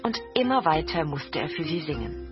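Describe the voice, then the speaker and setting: A woman storyteller reading a fairy tale slowly and deliberately. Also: low voice, big pitch swings, loud music behind the voice. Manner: slow and deliberate. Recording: dull lo-fi recording.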